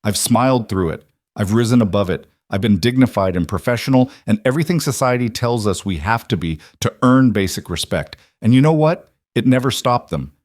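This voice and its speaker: A passionate, resolute grown woman , as a man reads her lines, earnest and measured. The voice sits fairly low, and the recording is close and dry, with no room sound. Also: expressive, darkish tone, no echo, close to an everyday voice.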